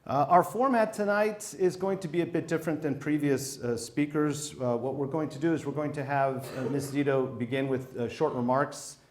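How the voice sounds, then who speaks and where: A man giving a formal introduction at a public lecture in a measured way, with frequent hesitations. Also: on the high side, steady tone, a little mellow. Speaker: event moderator introducing speaker. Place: lecture hall.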